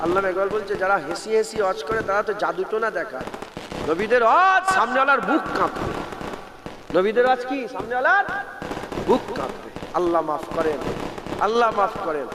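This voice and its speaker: A man's voice: sits high, animated, fairly quick. A male preacher with a Bengali accent, giving a sermon that calls on the crowd to answer and chants Arabic verses. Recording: echoey outdoor sound system with loud background noise.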